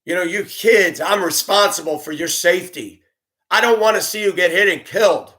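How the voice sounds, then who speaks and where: Speaking in a high, pushed, bright voice at a moderate pace, a man recounts his time driving a school bus. His personal storytelling is candid, sincere, and heartfelt, with frustrations aired along the way.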